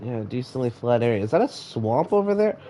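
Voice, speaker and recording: A man's voice: mid-range voice, big pitch swings, a little fast, dark tone, a little hiss or hum. A man who is sick, chatting casually to his live-stream chat while he plays, often stammering and repeating words. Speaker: live-streamer playing a block-building game.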